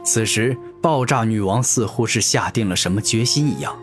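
A man's voice: fairly low pitch, moderate pace, over music. A man narrating a web novel audiobook in a dramatic, emphatic way.

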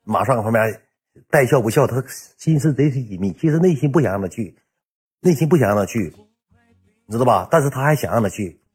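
A man's voice: mid-range voice, animated, brisk, a little mellow, slightly rough. A man in his thirties with a Northeastern Mandarin accent, a streamer telling a coarse, swearing story. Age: 30s. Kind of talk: casual storytelling.

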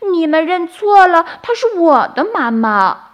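A woman voicing a small, anxious baby crab in a bedtime story, talking high and hurriedly. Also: big pitch swings, measured pace, heavily acted.

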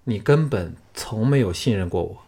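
A man with a husky voice reading a cool, self-assured male swordsman hero in an audiobook, speaking low and measured. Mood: calm. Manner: calm, low, measured speech. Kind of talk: audiobook character voice.

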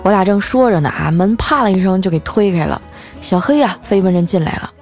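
A woman host spins a comic story in a chatty, wry and colloquial tone. Her voice sits at an ordinary middle pitch for a woman. Soft music plays quietly underneath. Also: lively intonation, fairly quick.

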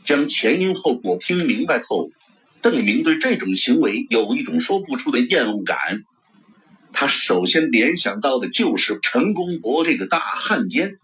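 Expressive male audiobook narrator. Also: mid-range voice, unhurried. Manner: expressive storytelling. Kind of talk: novel narration. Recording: dull lo-fi recording.

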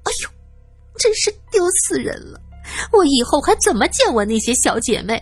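A woman voicing a shrill, melodramatic middle-aged wife, a former dancer who whines and wails shamelessly in a storytelling recording. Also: very animated, normal speed, dry recording, soft background music. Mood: wheedling. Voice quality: shrill, theatrical wailing.

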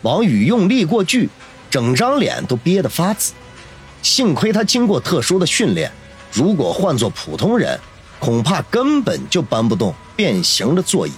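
A man's voice: on the high side, wildly swooping pitch, moderate pace, faint music behind. Dramatic male audiobook narrator. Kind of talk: scripted novel narration.

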